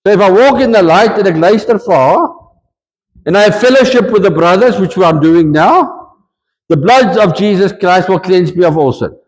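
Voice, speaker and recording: A man with a South African accent preaching a sermon as pastor, mixing English and Afrikaans in an animated, conversational way. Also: high voice, moderate pace, long reverb tail, rough recording. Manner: switches between English and Afrikaans mid-sentence, animated. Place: church.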